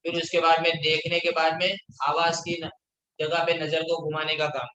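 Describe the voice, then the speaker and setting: Male lecturer, high and bright, flat delivery, reads slowly and explains in Hindi, echoey room. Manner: reads English lines slowly from the text, then explains them in Hindi. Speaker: college lecturer. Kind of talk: classroom lecture mixing Hindi and English.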